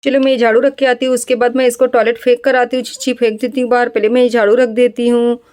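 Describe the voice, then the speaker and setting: A woman's voice: on the high side, flat delivery, darkish tone, close to an everyday voice. A woman voicing a busy young village mother who fusses and scolds fondly as she cleans up after a baby. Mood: brisk. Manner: brisk, chatty, fussing over a baby.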